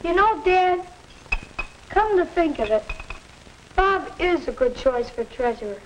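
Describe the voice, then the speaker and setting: An earnest American schoolboy played by a young actor in a 1950s instructional film. The voice is high and plainspoken, on a noisy vintage soundtrack. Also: animated, measured pace. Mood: earnest, resolved. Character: earnest young schoolboy questioning his father.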